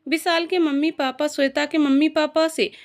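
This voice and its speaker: A woman's voice: high-pitched, steady tone, normal speed. A woman storyteller reading an emotional romance story. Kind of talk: scripted story narration.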